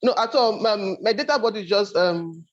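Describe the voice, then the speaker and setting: A man, halting and apologetic, speaking on a video call. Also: sits high. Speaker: mentee. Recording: dull lo-fi call audio.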